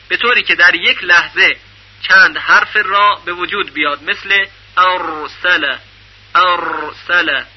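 A man giving a radio lesson on recitation rules, explaining in a measured way and repeating syllables to demonstrate them. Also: sits high, husky. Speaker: Quran recitation teacher. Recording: dull lo-fi radio recording.

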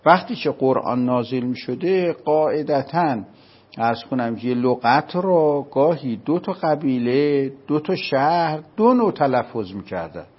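A religious scholar from Isfahan, Iran, speaking with an Isfahani Persian accent, gives an explanatory lecture in a conversational setting. He patiently walks through the topic step by step, often checking whether it is clear. His mid-range voice is expressive, and the sound is lo-fi.

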